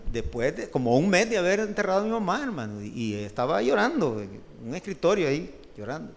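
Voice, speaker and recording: Salvadoran preacher guy, middle aged, lively storytelling sermon, highish voice. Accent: Salvadoran Spanish. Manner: animated storytelling, often says "hermano". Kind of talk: sermon testimony. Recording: long hall reverb.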